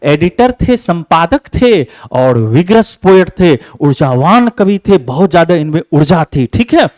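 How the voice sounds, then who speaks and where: A man teaches an exam-focused class. His voice sits a bit high, and he poses a question, then answers it and repeats the answer. The sound is dry and close, with no room echo. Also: big pitch swings, unhurried, a little mellow.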